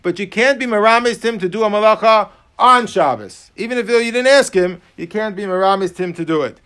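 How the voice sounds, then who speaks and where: High-pitched American rabbi with yeshiva-style speech. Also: male voice, a little fast, clear, resonant tone. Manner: Yiddish- and Hebrew-peppered yeshiva way of speaking; animated, acting out hypothetical dialogues. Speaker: rabbi teaching a class. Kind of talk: religious law lecture with questions from students.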